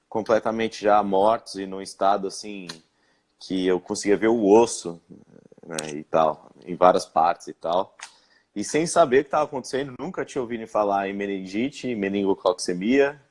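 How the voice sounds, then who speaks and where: A young man from Brazil speaking in a live-stream interview, recounting his experience with many pauses, fillers and restarts. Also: medium pitch, a little mellow. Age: young adult. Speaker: interviewed guest.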